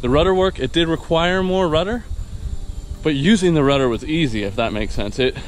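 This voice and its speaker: Brisk and on the high side, a young man's voice carries an enthusiastic, rambling review full of fillers and restarts. He's a vlogger and fresh private pilot, filming himself with an action camera at arm's length on a wooded dirt path, with slight background noise present.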